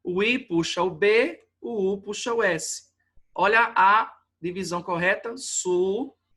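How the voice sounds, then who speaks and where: A man's voice: high voice, unhurried, sharp tone, husky. A man with a Brazilian accent teaching a grammar lesson, patiently explaining at the board and often checking that students follow.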